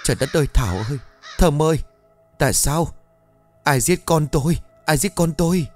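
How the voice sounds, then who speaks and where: A man's voice: medium pitch, animated, normal speed, a little mellow, faint music behind, lightly acted. A man voicing a distraught older village woman who cries out in anguish for her daughters.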